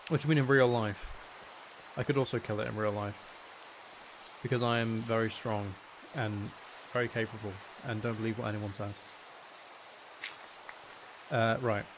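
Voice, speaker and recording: With a voice on the low side, a man comments on a game live at a moderate pace, leaving long pauses. He rambles playfully and teases himself while rain keeps up a steady sound in the background.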